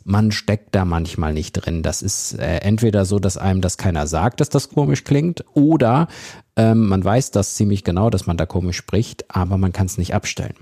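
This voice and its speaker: A man's voice: sits low, mellow, dry recording, clean studio sound. A man hosting his own podcast, giving direct, conversational advice to listeners in a plain-spoken way. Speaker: podcast host and consultant. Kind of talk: casual solo podcast advice.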